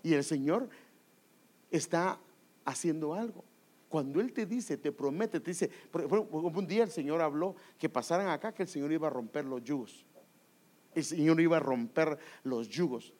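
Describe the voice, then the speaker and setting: A man's voice: on the high side, animated, moderate pace, pauses often, a little mellow. A man preaching a sermon, emphatic and repetitive, often asking the congregation questions.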